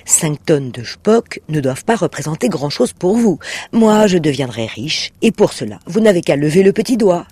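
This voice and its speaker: Guy reading it out doing a loud sly red demon, pitched up, greedy and pushy, audiobook style. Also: sing-song, normal speed, husky, no echo. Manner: sly, blustering, sometimes shouting. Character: greedy scaly red male demon, cunning and impatient.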